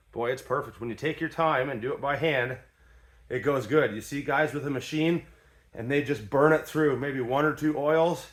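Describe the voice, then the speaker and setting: A man's voice: medium pitch, fairly bright tone. A man in his workshop, casually demonstrating an old tool in a folksy, plain-spoken way, with ratchet clicks behind him. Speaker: tradesman demonstrating an antique tool.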